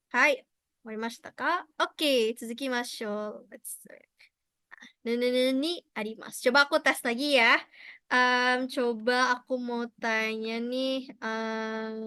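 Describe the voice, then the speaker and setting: Bright, high-voiced encouraging woman teacher. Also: smooth, dry recording, studio quality. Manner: chatty, encouraging, mixes in English and Japanese praise. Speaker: Japanese language teacher. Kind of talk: online class instruction.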